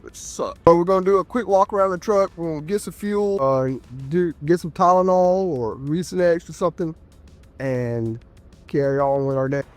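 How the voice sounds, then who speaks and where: A man with a nasal, stuffed-up voice from being sick, chatting casually and folksily to viewers as a trucker vlogger. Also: on the high side. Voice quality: nasal, congested. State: sick with a cough and congestion. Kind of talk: casual vlog chat to viewers.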